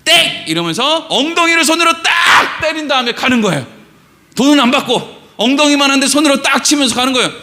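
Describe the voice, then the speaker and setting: A man's voice: very high voice, fast, bright, forceful tone, slight background noise. A middle-aged man preaching a sermon in church, telling a story with lots of questions to the congregation and acting out the characters' lines. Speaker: pastor. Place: church sanctuary.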